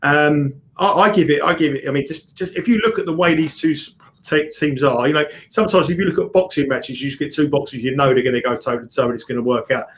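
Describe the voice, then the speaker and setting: Fast-talking tipster who keeps restarting. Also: male voice, on the high side, a bit bright. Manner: rapid, restarts often, repeats himself. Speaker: tipster, guest. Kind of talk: live betting stream chat.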